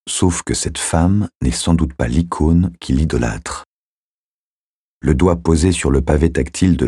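A man narrating an audiobook in a measured, steady storytelling manner on a close studio mic. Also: extremely low pitch, slightly rough, no echo. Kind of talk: scripted narration.

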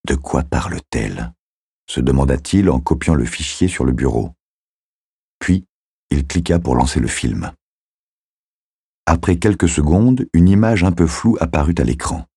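Male audiobook narrator, extremely deep voice, dark mellow tone, measured steady storytelling, scripted narration, close studio mic. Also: breathy edge, no room sound.

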